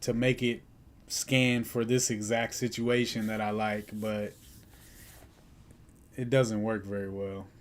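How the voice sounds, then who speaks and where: A man's voice: lowish voice, level tone, takes it slowly, pauses often. A young man hosting a day trading livestream, chatting casually in a laid-back, slangy way and chuckling now and then. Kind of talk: casual live-stream chat.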